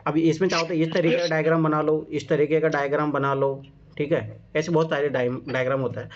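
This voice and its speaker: A man's voice: fairly high pitch, little pitch movement, fast talker. A man coaching students on answer writing, casual and encouraging, repeating his reminders. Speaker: exam coach reviewing answer copies. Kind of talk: informal coaching talk. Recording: muffled lo-fi sound with clear background noise.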